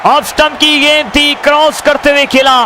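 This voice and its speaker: A man giving excited live cricket commentary, addressing viewers as friends and repeating stock phrases. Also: very high-pitched, normal speed. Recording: crowd and noise behind the voice.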